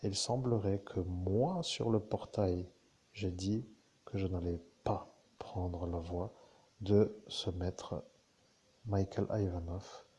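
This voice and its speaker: Slow, low, mellow-voiced man musing. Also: slight background noise. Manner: digressive, musing, with asides and self-corrections. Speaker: spiritual speaker addressing listeners. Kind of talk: rambling spiritual monologue.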